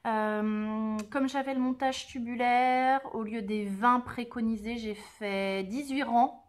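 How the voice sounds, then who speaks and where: A woman's voice: a little high, fairly even intonation, slow. A woman hosting a knitting podcast, explaining her projects in a casual, chatty way, with many fillers and self-corrections, talking to the camera by a sunny window. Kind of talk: casual knitting tutorial and chat.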